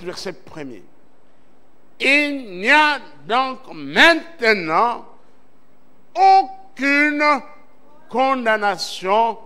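His voice high, sharp, clear and resonant, a Central Congolese pastor delivers a Sunday sermon in church. He reads from scripture, stressing words with emphatic swells and drawing rising call-and-response amens.

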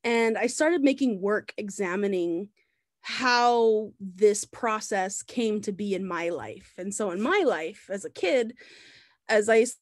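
A woman in her thirties who grew up in the Bahamas talks through her slides in a loose, conversational way, pausing on ums. Her video-call audio is close and dry, with no room echo. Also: mid-range voice. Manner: relaxed and conversational, with many ums and restarts. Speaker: visiting artist giving a talk. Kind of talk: presenting slides in a lecture.

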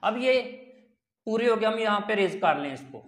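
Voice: mid-range voice, expressive. A language teacher explains step by step, asking questions and then answering them. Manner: counts and repeats items slowly. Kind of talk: step-by-step online language lesson. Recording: roomy echo.

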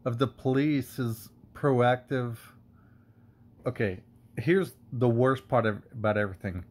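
Rambling man ranting. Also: medium pitch. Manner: rambling, heated, with fillers and profanity. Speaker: wine reviewer and vlogger. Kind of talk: casual rant to camera.

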